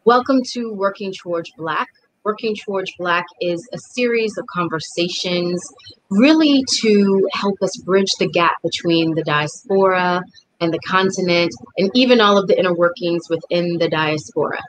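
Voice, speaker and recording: A middle-aged woman hosting an online interview series, friendly and quick to laugh, on a video call. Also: fairly low pitch, a little hiss or hum, low-quality recording. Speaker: host.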